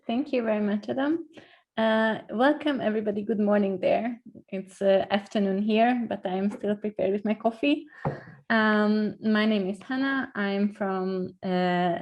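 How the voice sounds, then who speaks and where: A woman from Slovakia opens her part of an online session, speaking at a mid pitch. She talks in a friendly, unhurried way with a few fillers. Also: highs cut off. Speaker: conference presenter. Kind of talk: online webinar introduction.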